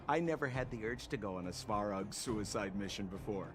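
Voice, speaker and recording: A man voicing a sly smooth-talking trickster. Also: on the low side, lively intonation, moderate pace, noisy background, close to an everyday voice. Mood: glib. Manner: playful and glib. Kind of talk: game voice acting. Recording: game audio with music.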